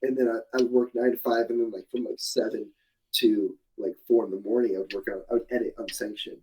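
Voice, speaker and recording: A man's voice: on the low side, steady tone, fairly quick, a little mellow, low-quality recording. A young man in his twenties, the guest in a casual interview, talking in long rambling answers full of restarts and fillers. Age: 20s. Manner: rambling, many restarts and fillers, laughs at himself.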